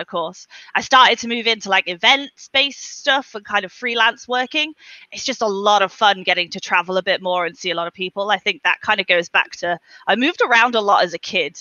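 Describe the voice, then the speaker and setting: A woman's voice: medium pitch, bright, forceful tone, no echo, muffled recording. A woman bartender guest chatting upbeat about her work over a video call. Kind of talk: casual video call chat. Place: room at home. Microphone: video call webcam.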